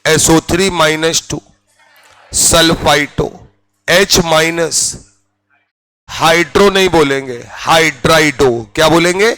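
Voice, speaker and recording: A man's voice: a little high, fairly even intonation, takes it slowly, long pauses, pushed and bright, low-quality recording. A man teaching a chemistry class in Hindi, drilling students with repeated check-in questions and spelling out each term. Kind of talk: classroom lecture.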